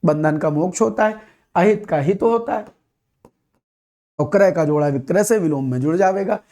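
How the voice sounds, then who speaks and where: A man's voice: high voice, moderate pace, mellow. A man teaching an exam-prep Hindi lesson. He talks emphatically, repeats key words and asks his class rhetorical questions.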